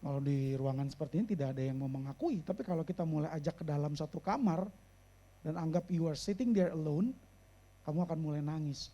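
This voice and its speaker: A man preaching a sermon and speaking as a therapist. He mixes English phrases into his speech, slows down and raises his voice to stress a point, and drops low and quiet for serious moments. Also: lo-fi sound. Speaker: pastor and therapist.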